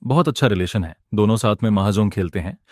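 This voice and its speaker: A man's voice: lowish voice, fairly quick, a little mellow, no echo, clean studio sound, lightly acted. Man voicing an indignant young restaurant helper. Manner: agitated, indignant. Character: young male restaurant helper, hot-tempered and loyal.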